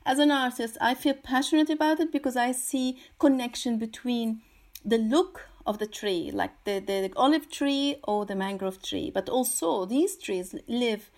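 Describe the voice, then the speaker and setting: Halting Syrian-born woman artist speaking. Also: fairly high pitch, a little mellow. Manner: halting, many fillers and repeated words. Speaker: guest, artist. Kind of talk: interview answers.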